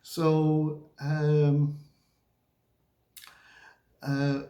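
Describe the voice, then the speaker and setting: Male English teacher, unhurried and patient, slightly higher voice, constant "okay?" check-ins, echoey room. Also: completely flat delivery, dark tone. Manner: patient, repeats "okay?" after nearly every point; acts out example lines with rising and falling tone. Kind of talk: classroom lesson on reading aloud.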